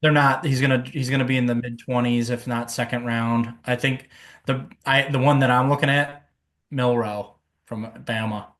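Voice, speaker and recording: A man's voice: medium pitch, steady tone, moderate pace, a bit bright. A man co-hosting a sports podcast, rambling and laughing easily. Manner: laughs often, rambling, swears casually. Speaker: podcast co-host. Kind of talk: casual sports chat.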